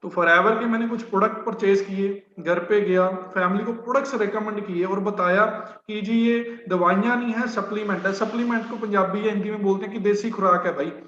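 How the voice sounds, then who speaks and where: A man's voice: high-pitched, steady tone, a little fast, few pauses, fairly bright tone. A man gives a business training talk, speaking conversationally with many fillers. The recording is roomy and dull.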